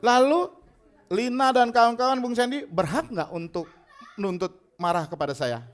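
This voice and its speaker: A male pastor preaching a conversational sermon, retelling a parable with lively character voices. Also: extremely high pitch, moderate pace. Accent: Indonesian.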